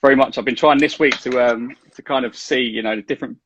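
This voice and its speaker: A man's voice: mid-range voice, steady tone, quick pace, fairly bright tone, breathy edge, highs cut off. A man hosting a casual interview over a video call, matey and loosely phrased. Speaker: interview host. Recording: faint noise and clicks on call.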